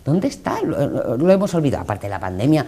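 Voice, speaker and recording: A woman's voice: a bass voice, sing-song, quick pace, warm tone. A woman with an Andalusian accent questioning guests as interviewer in a political interview. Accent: Andalusian Spanish.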